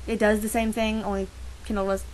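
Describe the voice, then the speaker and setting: A woman's voice: medium pitch, little pitch movement, brisk, a little mellow, a little hiss or hum, low-quality recording. A teenage girl talking casually to her camera, rambling and sarcastic, often stopping herself mid-sentence. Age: teens. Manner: sarcastic, rambling, self-interrupting. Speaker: vlogger. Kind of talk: casual ranting vlog.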